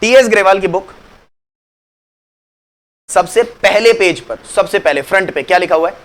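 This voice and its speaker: A man's voice: high-pitched, animated, moderate pace. A man teaching accounts in a chatty classroom lecture, asking students questions and answering them himself, often slipping English phrases into his talk. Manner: mixes English phrases into Hindi; calls students "beta" affectionately.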